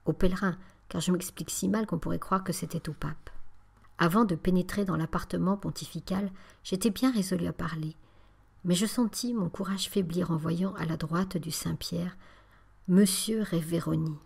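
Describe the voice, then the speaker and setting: A woman narrating a spiritual memoir as an audiobook, in a calm, measured and often breathy reading. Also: fairly low pitch.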